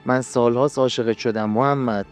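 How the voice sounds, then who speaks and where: Guy reading a clingy creepy jinn girl, soft and menacing, mid-pitch voice. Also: steady tone, faint music behind, natural voice. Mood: possessive. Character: young female jinn, possessive and obsessive.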